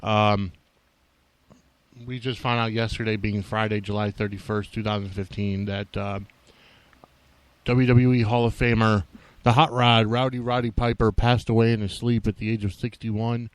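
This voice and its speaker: Low, smooth-voiced man podcasting solo, halting. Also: flat delivery, dry recording. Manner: halting and rambling, frequently restarting thoughts. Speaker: wrestling podcast host. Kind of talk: unscripted solo podcast talk.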